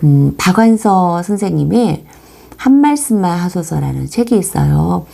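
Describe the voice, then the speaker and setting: A woman teaching a children's devotional Bible lesson. Her pitch swings widely as she tells the story, and there is a gravelly rasp at the bottom of her voice. She speaks gently and warmly to the kids, like a Sunday school teacher. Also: moderate pace. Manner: animated storytelling, acting out anguished cries.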